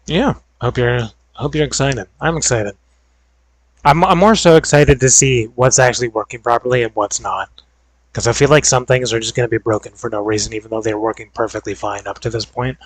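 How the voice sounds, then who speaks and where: A young video creator chats casually in a gaming vlog, his mid-range voice tiring and going hoarse. He talks a little fast, rambling, hedging, and leaning on fillers. The recording quality is low.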